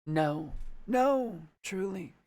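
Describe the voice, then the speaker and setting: A man's voice: high voice, animated, drawn-out words, a little mellow, heavily acted. A man voicing a courteous, elderly male chamberlain in an old man voice, reading from a fantasy storybook. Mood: courteous, reassuring.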